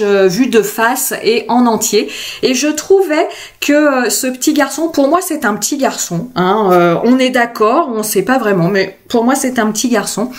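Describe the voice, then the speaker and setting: A woman from France talking through a craft tutorial in a casual, chatty way, with many hesitations and self-corrections. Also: high voice. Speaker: craft video host.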